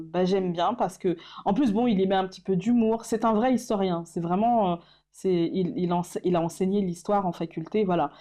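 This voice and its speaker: A woman's voice: mid-range voice, dark tone. A woman vlogging casually about her favorite channels, hesitant, with many fillers and restarts, laughing at herself. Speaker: YouTuber. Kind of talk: casual vlog chat.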